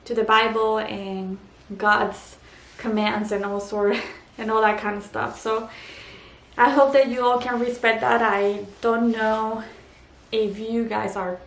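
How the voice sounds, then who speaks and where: A woman's voice: a little high, flat delivery. Earnest Puerto Rican woman, echoey room. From Puerto Rico. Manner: earnest, halting with fillers and restarts. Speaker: vlogger. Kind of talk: personal testimony vlog. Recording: echoey room, faint background noise.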